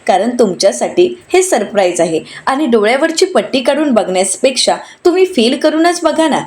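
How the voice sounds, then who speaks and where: A caring young husband speaks softly and reassuringly, as a woman narrator voices him. The voice stays fairly high and unhurried. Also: big pitch swings. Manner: soft, reassuring.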